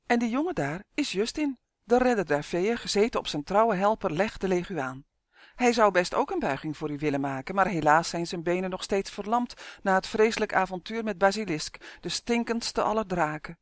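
A bouncy, high-pitched little male elf who gushes and fawns over everyone, as a man puts him on for a storybook. His lines lift well above the reader's own pitch, crisp and close in a dry booth. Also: animated, moderate pace, no echo. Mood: gushing. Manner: gushing, fawning. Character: small excitable male elf, eager and flattering.

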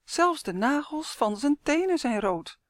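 A woman reading a children's story aloud in a clear, expressive manner. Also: high voice, unhurried, no room sound.

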